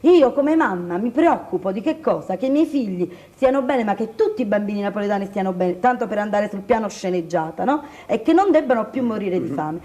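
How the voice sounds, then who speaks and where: A woman's voice: medium pitch, lively intonation, a little fast, few pauses, warm tone. A woman from Naples in a talk-show debate, speaking earnestly and insistently with rhetorical questions. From Naples, Italy.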